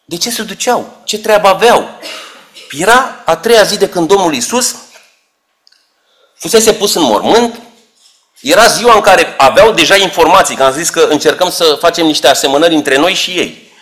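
A man's voice: fairly high pitch, a bit bright. A man preaching a sermon, explaining scripture with rhetorical questions and shifting emphasis.

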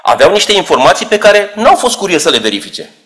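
A man's voice: sits high, big pitch swings, fairly bright tone. A man preaching a sermon, explaining scripture with rhetorical questions and shifting emphasis.

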